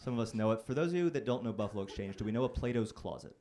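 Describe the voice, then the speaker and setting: A man's voice: fairly low pitch, lively intonation, very fast, very noisy. A man performing a stand-up set on a comedy club stage, telling stories in a conversational, self-deprecating, wry way into a handheld mic.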